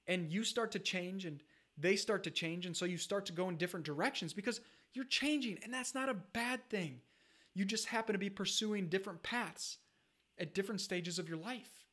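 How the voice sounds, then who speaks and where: A man's voice: high-pitched, fairly bright tone. A man in his thirties giving an earnest motivational talk, urging listeners directly and repeating his points. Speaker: self-improvement speaker.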